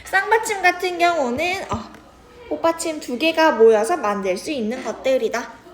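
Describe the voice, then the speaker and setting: A woman's voice: high voice, expressive, moderate pace. A young woman teaching a grammar lesson, chatty and checking in with her students often.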